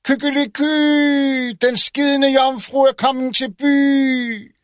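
A man voicing a crowing rooster with drawn-out, sing-song words in a storybook reading. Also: very high-pitched, level tone, no echo, clean studio sound, voice pushed up.

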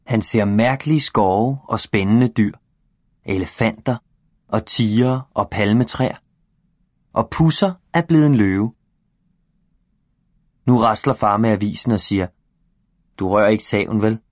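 A man narrating a children's storybook aloud. His voice is low and his reading gentle and expressive. The sound is close and dry. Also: pauses often, no room sound. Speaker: reader.

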